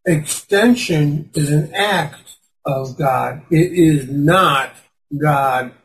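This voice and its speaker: Male participant, slow firm delivery, slightly higher voice, faint background hum. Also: poor audio. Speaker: study group participant. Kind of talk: casual discussion.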